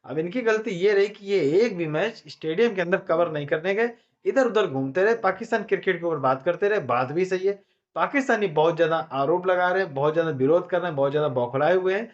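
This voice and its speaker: A man's voice: high-pitched, fast, highs cut off. A man introducing his video and explaining the background in casual commentary. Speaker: channel host.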